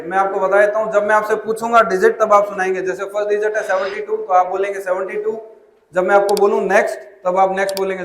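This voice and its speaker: A man's voice: high-pitched, slight background noise. A man giving a memory-training demonstration to a class of students, speaking to them directly and calling them child. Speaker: memory trainer presenting a school seminar. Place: school hall with students. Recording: echoey hall.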